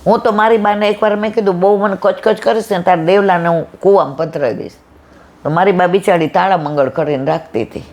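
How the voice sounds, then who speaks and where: A middle-aged woman telling a devotional story at a satsang, acting out the dialogue with lively expression. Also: on the low side, fairly quick. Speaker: satsang speaker.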